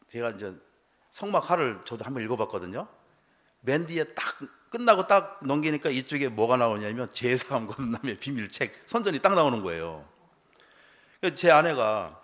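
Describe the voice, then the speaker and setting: A man's voice: mid-range voice, fairly bright tone. A middle-aged male pastor telling a personal testimony in a church sermon, acting out the dialogue and laughing as he goes.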